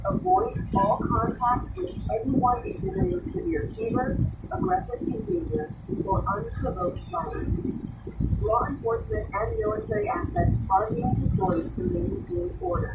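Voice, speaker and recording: A woman's voice: sits high, sing-song, normal speed. Woman acting a tense radio announcer, noisy sound. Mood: official, stern. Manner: urgent, emphatic. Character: tense female radio newsroom co-host and alert announcer. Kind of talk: radio drama broadcast. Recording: very noisy, echoey, distant radio broadcast.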